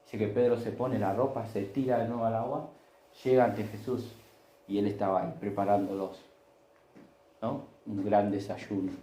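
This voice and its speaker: Guy preaching sunday sermon, acts out the dialogue, mellow voice, echoey church, faint hum behind. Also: lowish voice, steady tone, normal speed. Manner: conversational storytelling, acting out voices in dialogue.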